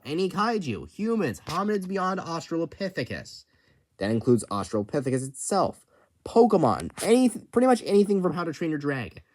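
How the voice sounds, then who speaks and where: Young guy rambling thru contest rules, stutters and restarts constantly, bouncy up and down voice. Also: a little high. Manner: stammering, many restarts and fillers; impulsive, enthusiastic. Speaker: channel host announcing a creature-design contest. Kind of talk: casual unscripted rules rundown.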